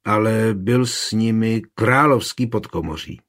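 A man's voice: on the low side, fairly bright tone, natural voice. A man reading the part of a beaten preacher, out of breath and indignant, speaking urgently.

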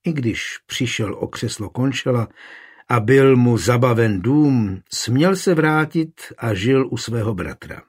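A man narrating an audiobook in a measured, even storytelling manner. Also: medium pitch, breathy edge.

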